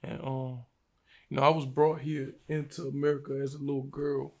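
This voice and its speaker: A man's voice: medium pitch, level tone, moderate pace, darkish tone. A young man from Virginia, a rapper, telling his life story in a casual, slangy interview. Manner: laid-back, slangy storytelling.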